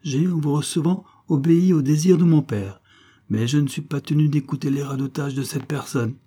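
A man's voice: a little high, steady tone, moderate pace, mellow, husky, pitched above the performer's own voice. A man reading an audiobook, voicing a proud, cold young noblewoman who speaks icily and haughtily. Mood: icy. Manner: icy, haughty.

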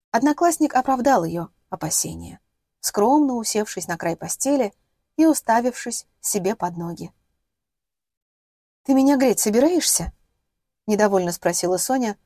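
A woman reading a novel aloud in steady, measured scripted narration. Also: medium pitch, no room sound, clean studio sound. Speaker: audiobook narrator.

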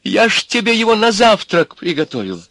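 A man voicing a fawning, scheming woman, a witch's daughter, in a wheedling falsetto. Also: sing-song, fairly quick, fairly bright tone, no echo, full character voice.

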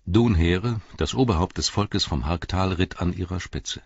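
A man reads an epic fantasy tale in a measured, solemn way, his voice very low and husky. He is close to the mic in a dry booth, and the sound is slightly dull. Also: dry recording. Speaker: audiobook narrator. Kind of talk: scripted fantasy narration.

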